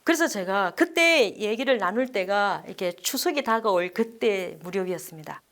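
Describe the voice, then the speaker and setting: Nun lady telling a bible class story, lively, asks the room stuff, does all the voices. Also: mid-range voice, normal speed. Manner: animated, acts out the people in her story; asks the audience questions.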